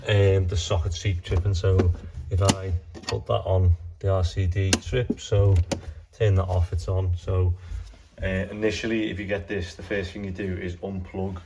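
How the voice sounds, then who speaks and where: A man's voice: on the low side, noisy background. A man filming himself on a phone while fixing plumbing and wiring, chatting through each step. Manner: chatty, explains as he works, says "obviously" often. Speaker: tradesman filming his call-outs. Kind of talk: casual explaining while working. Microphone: handheld phone.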